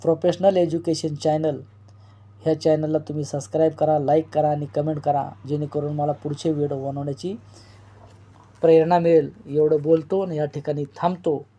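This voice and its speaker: A man reading a novel aloud as a storyteller and channel host, in an expressive, dramatic way. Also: a little high, normal speed.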